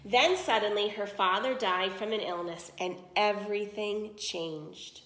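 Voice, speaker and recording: A storyteller and teacher shares a picture book with children, explaining along the way and making sure they follow. Her medium-pitched voice is a bit bright and measured in pace, heard in an echoey space.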